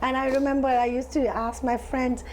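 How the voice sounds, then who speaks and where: A woman in her forties from India speaks as an interview guest, her voice sitting slightly high. She talks in a chatty, lively way and often restarts her sentences as she tells her story. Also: normal speed, slight background noise. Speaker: guest, henna artist. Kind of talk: interview conversation.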